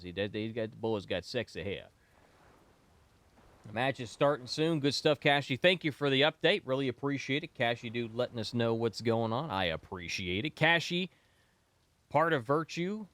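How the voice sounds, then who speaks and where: A man's voice: mid-range voice, fairly bright tone, no room sound, natural voice. Guy putting on a rambly folksy dude, sick and stuffy, stumbles and repeats himself, dry sound. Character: rambling folksy man, friendly and gossipy.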